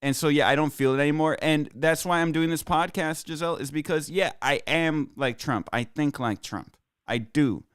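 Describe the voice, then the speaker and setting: A man's voice: a little high, normal speed, clean tone, no room sound, clean studio sound. A man hosting a podcast, talking in casual discussion, earnest with joking asides. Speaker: podcast host.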